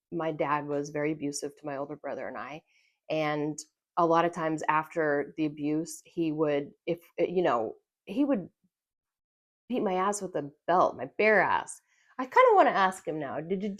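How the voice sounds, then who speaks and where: A middle-aged woman with a low voice shares a personal story on camera. She speaks earnestly and with feeling, often pausing, restarting and repeating words as she goes. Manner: emotional, earnest, halting with fillers and repetitions. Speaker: vlogger.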